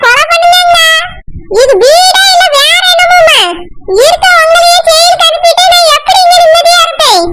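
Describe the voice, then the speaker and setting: A woman voicing a stern village housewife in a cartoon, scolding loudly in a Tirunelveli Tamil accent. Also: extremely high pitch, fairly even intonation, normal speed. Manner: scolding, shouting. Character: sharp-tongued village sister-in-law, stern housewife. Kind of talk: cartoon voice acting.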